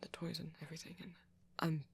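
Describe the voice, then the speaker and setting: Performing for an ASMR roleplay monologue, a woman plays a timid young male vampire with a low, very breathy voice that is soft, gravelly and frequently half-whispered. The exaggerated delivery comes fast with a level tone, hesitant and self-conscious, full of anxious stammers and apologies.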